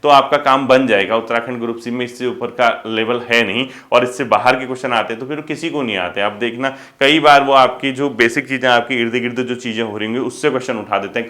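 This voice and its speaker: A man's voice: medium pitch, fast talker, few pauses, sharp tone. A male coaching teacher, giving casual exam advice to students and asking them rhetorical questions. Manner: addresses students as kids, frequent rhetorical questions.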